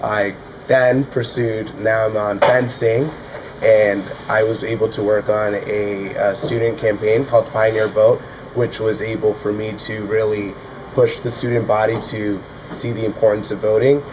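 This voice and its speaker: A man's voice: on the low side, flat delivery, unhurried, background noise. A young male student from Connecticut, speaking earnestly on a panel. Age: young adult. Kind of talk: casual panel talk.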